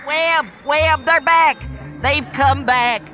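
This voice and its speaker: A man's voice: very high voice, takes it slowly. An actor playing a paranoid male conspiracy crank in a radio drama, ranting frantically in folksy rural grammar. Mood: panicked. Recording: slightly muffled, music underneath.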